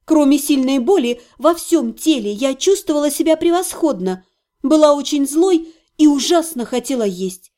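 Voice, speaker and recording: A woman narrating a fantasy audiobook in the first person, expressive and dramatic. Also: high-pitched, normal speed.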